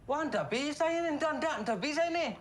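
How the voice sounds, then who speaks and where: A man's voice: extremely high pitch, expressive, brisk, music in the background. A young man playing a broke older brother who pleads over and over in a comedy film. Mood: pleading. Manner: pleads over and over, frantic then tender. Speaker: older brother, taxi driver.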